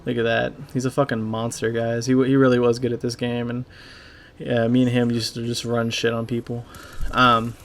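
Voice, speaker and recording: A man's voice: mid-range voice, completely flat delivery. Rambling young man, gaming voice-over. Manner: halting, rambling, heavy with fillers; casual and profane. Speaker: gaming YouTuber and clan leader. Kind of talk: casual voice-over commentary on gameplay.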